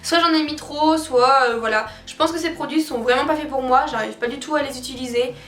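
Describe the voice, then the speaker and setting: A woman's voice: sits high, fairly quick, fairly bright tone. A woman chatting casually to viewers as a beauty vlogger reviewing products, candid and opinionated in colloquial wording. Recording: roomy echo, distant mic, faint music behind.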